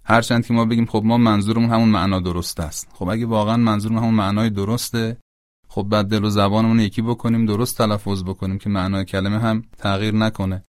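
Low, measured man giving a religious lesson. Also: little pitch movement, no room sound, studio quality. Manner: formal and measured, explaining patiently with examples. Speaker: religious instructor. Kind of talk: spoken lesson on prayer pronunciation.

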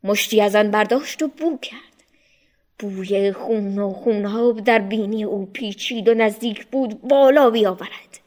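A woman narrating a storybook for children in an expressive, measured way. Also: medium pitch.

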